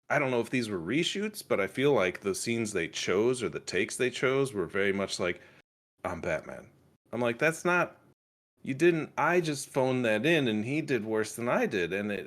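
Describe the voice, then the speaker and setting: A man reviewing a movie in casual chat on a livestream, rambling with lots of restarts and sudden animated outbursts. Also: lowish voice.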